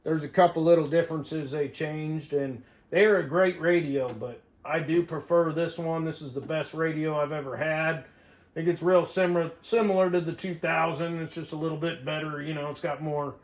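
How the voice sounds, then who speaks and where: In this casual hobby vlog, a CB radio operator and video host from America talks in a folksy manner, frequently dropping the word "man." He speaks at a normal speed with a steady tone and a fairly high pitch, and the recording carries a roomy echo.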